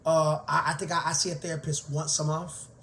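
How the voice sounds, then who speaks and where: A man's voice: on the high side, fairly quick, slight background noise. A man, a teacher candidly telling his own story in a conversational way. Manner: candid, conversational, grows animated. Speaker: teacher and vlogger. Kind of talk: personal storytelling to camera.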